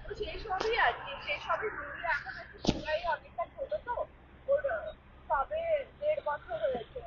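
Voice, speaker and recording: A woman's voice: very high voice, very animated, moderate pace. A woman vlogging in casual chat from a vehicle stuck in traffic, rambling with many fillers. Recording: muffled with loud traffic noise.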